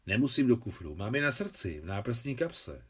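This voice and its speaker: A man's voice: mid-range voice, sing-song, a bit bright, husky. A man voicing a jovial, modest young father and scientist in an audiobook.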